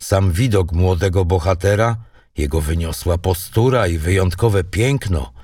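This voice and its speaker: A man narrating a historical tale in a measured, dramatic reading. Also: low voice, darkish tone, dry recording, clean studio sound, distant mic. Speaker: audiobook narrator. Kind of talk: storybook narration.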